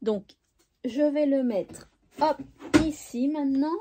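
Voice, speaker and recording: A scrapbooking YouTuber with a high-pitched voice chats cheerfully and slowly with her viewers in a casual vlog, saying little "hop" sounds as she sorts her crafting supplies. Some background noise can be heard.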